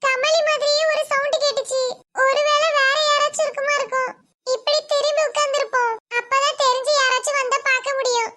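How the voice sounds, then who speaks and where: A woman's voice: very high voice, level tone, a little fast, over loud music. A woman voicing a young cartoon girl stuck at a shop, who pleads and later turns cheeky and mocking. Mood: worried. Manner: pleading, then cocky and mocking.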